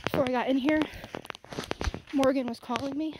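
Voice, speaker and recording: Breathless high-voiced woman walking in woods. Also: fairly even intonation, normal speed, noisy background. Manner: rambling, talks to viewers while walking. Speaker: vlogger. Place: outdoors in woods.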